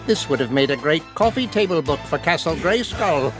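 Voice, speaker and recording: A man's voice: fairly high pitch, expressive, moderate pace, lightly acted. Skeletor, a man voicing a gloating skeletal overlord. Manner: boastful and mocking, with cackling laughs. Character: gloating skeletal evil overlord, vain and cackling. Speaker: advert voice. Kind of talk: animated villain ad. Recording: music bed under the voice.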